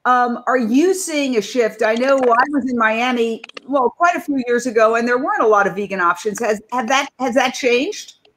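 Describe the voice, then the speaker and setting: A woman's voice: a little high, normal speed, fairly bright tone, a little hiss or hum. Chatty woman hosting a video call. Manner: chatty, asks guests questions by name. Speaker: panel host. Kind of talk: video call panel discussion.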